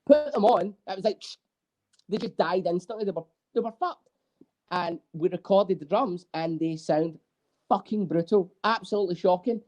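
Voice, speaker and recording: A man, a guest drummer, telling animated, swear-filled stories in a casual interview. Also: sits high, moderate pace. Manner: animated storyteller, swears freely.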